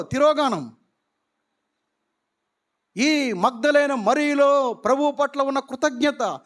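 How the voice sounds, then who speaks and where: Male pastor, very high voice, slow deliberate sermon delivery with rhetorical questions. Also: a bit bright. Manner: preaching with rhetorical questions, mixing in English phrases.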